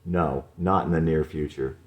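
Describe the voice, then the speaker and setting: A man's voice: extremely low pitch, fairly even intonation, moderate pace. A man reading a curt, cold young woman. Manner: curt, dismissive replies.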